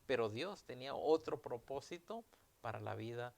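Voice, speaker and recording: Gravelly-voiced man preaching a sermon. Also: medium pitch, animated, moderate pace, a little mellow. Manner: preaching with emphatic rises, retelling scripture dialogue. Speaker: pastor.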